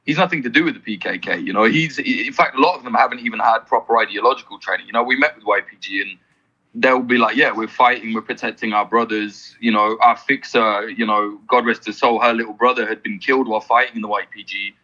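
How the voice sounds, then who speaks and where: A man's voice: medium pitch, pushed and bright, husky, lo-fi sound. A man talking as a podcast guest, blunt and swearing freely in casual interview chat. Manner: blunt, swears freely, fast run-on explaining.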